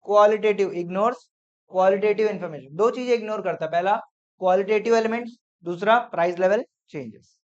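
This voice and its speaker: A man's voice: sits high, brisk. A man teaches an accounting revision class, counting off points and quizzing his students as he goes. He mixes English terms into his Hindi. The recording sounds dull and lo-fi. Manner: drills points in numbered lists, quizzing students.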